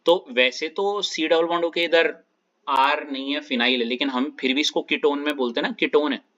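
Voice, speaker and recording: A male chemistry teacher with a slightly high, sharp, forceful voice, walking students through reactions one step at a time and checking in with them after each point. The sound is dull and lo-fi, like audio from an online class. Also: normal speed.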